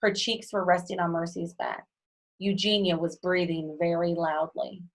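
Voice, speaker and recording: A woman's voice: lowish voice, little pitch movement, moderate pace, rough recording. A woman reading a children's book aloud, adding chatty asides between lines. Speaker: reader.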